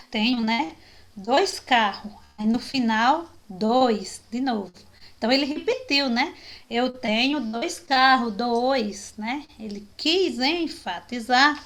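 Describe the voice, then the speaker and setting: A woman's voice: on the high side, a bit bright. A woman from teaching an online sign language class over a video call, explaining patiently and often ending phrases with a questioning tag. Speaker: sign language course instructor.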